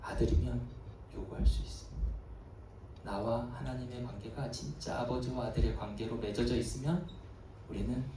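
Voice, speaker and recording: A male pastor preaching a sermon, telling a story dramatically and swinging from soft, hushed lows to emphatic peaks, recorded at a service in a large church hall. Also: steady tone, moderate pace, recorded from a distance, a little hiss or hum. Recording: echoey hall, voice from afar.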